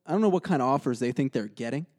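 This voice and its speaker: A young man with a middling pitch, talking sports in a loose, slangy way. He often repeats words as he gets going and keeps a relaxed, casual tone throughout. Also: rapid-fire. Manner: laid-back, casual slang, repeats himself. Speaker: podcast co-host.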